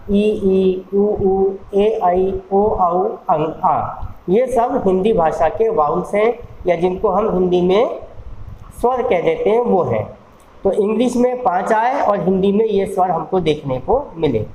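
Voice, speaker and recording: A law college teacher gives a bilingual lecture, speaking slowly, sounding out syllables again and again and asking the class rhetorical questions. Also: medium pitch, dark tone. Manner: slow, deliberate, repeats sounds aloud and asks rhetorical questions. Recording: roomy echo, faint background hiss.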